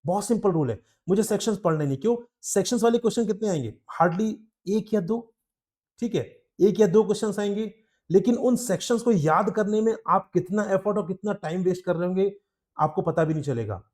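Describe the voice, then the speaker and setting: A man tutors law exam students, giving direct strategic advice in Hindi mixed with English and frequently checking in with "ठीक है?" His voice is high-pitched and darkish, with lively intonation and a fast pace.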